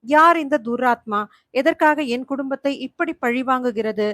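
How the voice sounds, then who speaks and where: A woman's voice: high-pitched, measured pace, a bit bright, dry recording, clean studio sound. Worried pleading husband, read by a woman. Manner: anxious, pleading.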